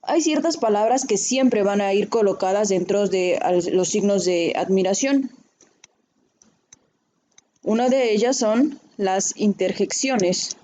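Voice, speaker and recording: A woman's voice: medium pitch, slow, dark tone, a little hiss or hum. A woman teaching a writing class, explaining patiently and often checking in with her students. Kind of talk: recorded online class.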